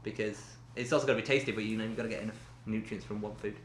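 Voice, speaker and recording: A man's voice: on the low side, fairly even intonation, rapid-fire, reverberant, slight background noise. A man from England co-hosting a podcast, chatting casually and laughing often. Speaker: podcast co-host. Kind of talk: casual chat.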